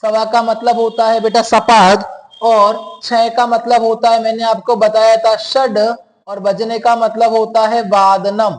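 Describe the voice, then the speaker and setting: A man's voice: high voice, flat delivery, measured pace. A man teaching a class, patiently explaining rules and often checking that students follow. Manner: patient, keeps calling students "beta" and asking questions. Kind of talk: classroom lesson.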